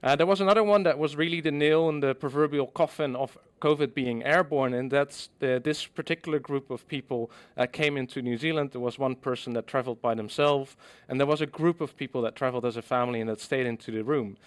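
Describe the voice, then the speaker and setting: A middle-aged Dutch man gives a scientific conference presentation in a smooth, medium-pitched voice. He is measured and explanatory, with frequent ums.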